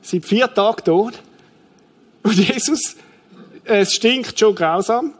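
A man's voice: sits high, slow pace. A middle-aged man preaching a sermon, telling the story vividly and acting out the scene. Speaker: pastor.

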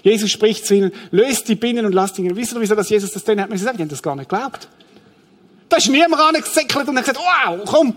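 A middle-aged man preaching a sermon, telling the story vividly and acting out the scene. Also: sits high. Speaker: pastor.

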